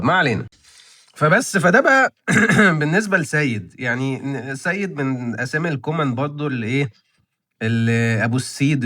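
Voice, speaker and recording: Man, 20s, Egyptian accent, rapid casual commentary, rambling and repetitive, mid-pitched voice. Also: fairly bright tone. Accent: Egyptian Arabic. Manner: chatty, rambling, thinking aloud with many repeats. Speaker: channel host reviewing license plate auctions.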